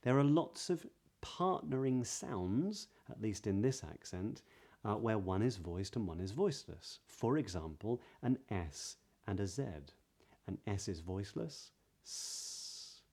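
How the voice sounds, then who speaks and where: A British man giving a pronunciation lesson as a voice coach, explaining in a measured way and stressing key words. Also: lowish voice, expressive, dark tone. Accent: British English. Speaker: voice coach, video host.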